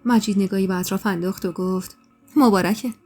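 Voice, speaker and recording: A woman narrating a first-person story podcast in a calm, intimate way. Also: mid-range voice. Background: faint background music.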